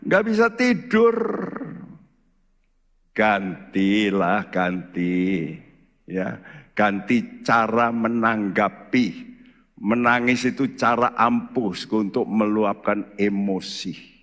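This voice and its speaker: A man preaching slowly and deliberately, leaning on rhetorical questions. His voice jumps into a high register and drops back down again. He is heard in a church hall with a long reverb trailing behind him. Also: animated, fairly bright tone. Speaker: pastor. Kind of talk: sermon.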